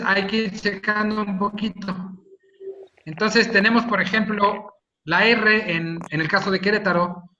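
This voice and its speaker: A man with a high, bright voice teaches phonetics over a video call, often checking that students follow along. The audio is a little dull, with faint noise underneath. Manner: explanatory, checks with "¿sí?" and "¿no?".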